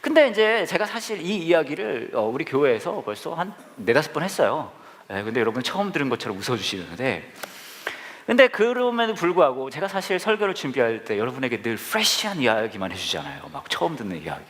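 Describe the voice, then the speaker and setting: A man's voice: mid-range voice, very animated, a little fast, fairly bright tone. A male pastor preaching a sermon to a live congregation, telling jokey, self-deprecating stories. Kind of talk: humorous storytelling sermon. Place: church service with live congregation.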